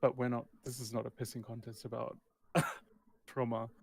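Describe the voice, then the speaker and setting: A man's voice: mid-range voice, little pitch movement, normal speed, vocal fry, a little hiss or hum. A young man chatting candidly as a podcast co-host, often breaking off and restarting his sentences. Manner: candid, self-interrupting. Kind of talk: casual chat.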